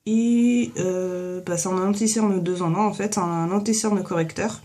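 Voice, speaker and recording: A woman's voice: mid-range voice, steady tone, a little slow, mellow. A young woman casually talking through a hair and makeup tutorial in her bathroom, recorded on a phone headset mic, with lots of fillers. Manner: chatty, many fillers and "en fait". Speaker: beauty vlogger.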